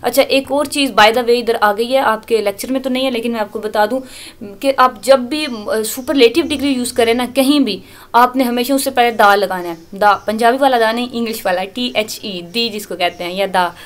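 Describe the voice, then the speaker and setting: A woman with a fairly high-pitched voice gives a recorded lecture on English grammar, explaining it in Urdu. She reads the English examples out slowly and often corrects herself mid-sentence.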